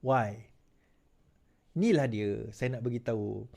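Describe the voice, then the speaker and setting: A man's voice: mid-range voice, unhurried, gravelly, a little mellow. A man with a Malaysian Malay accent giving political commentary to viewers, telling stories animatedly with laughs and slipping English phrases in.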